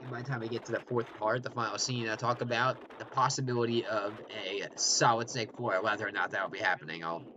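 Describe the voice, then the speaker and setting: A man's voice: fairly low pitch, steady tone, fast talker, few pauses. A man talking through his own film as director, in a rambling, self-correcting way with chuckling asides. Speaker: film director giving commentary. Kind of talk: casual director's commentary. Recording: dull lo-fi recording with faint hiss.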